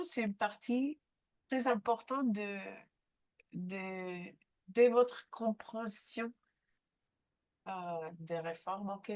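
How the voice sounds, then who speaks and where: A woman with a head cold runs a live online training seminar, speaking haltingly in a medium-pitched voice with frequent filler sounds.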